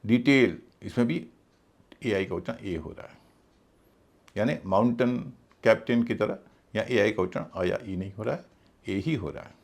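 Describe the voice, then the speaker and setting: A man teaching English pronunciation in a video lesson, speaking slowly and deliberately and spelling words out letter by letter. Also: lowish voice, gravelly.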